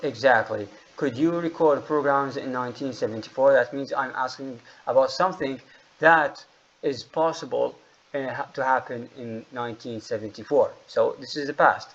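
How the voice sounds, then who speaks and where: Man, English teacher, online class, patient explanations, mid-pitched voice, slightly dull lo-fi audio. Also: normal speed, fairly bright tone. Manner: explains grammar rules patiently, calls on students by name.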